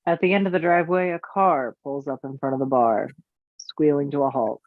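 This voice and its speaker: A man narrating stage directions in an amateur script read, with an even, matter-of-fact reading. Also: on the high side, brisk, no room sound. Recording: tinny phone-like line, dry.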